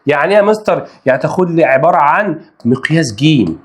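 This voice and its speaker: A man's voice: a little high, quick pace. A man with an Egyptian Arabic accent teaching a math lesson for exam prep, addressing students directly and repeating key points. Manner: animated, talks straight to students, repeats key phrases.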